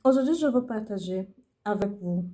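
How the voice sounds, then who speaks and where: A woman gives an unscripted religious testimony in French, haltingly, searching for words and repeating phrases. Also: mid-range voice, animated, warm tone.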